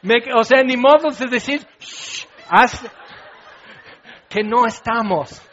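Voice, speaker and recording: A middle-aged man preaching a sermon, animated and dramatic, acting out little scenes as he talks. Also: very high voice, normal speed, highs cut off, slight background noise. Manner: animated, acts out scenes with shouts and laughs. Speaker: pastor.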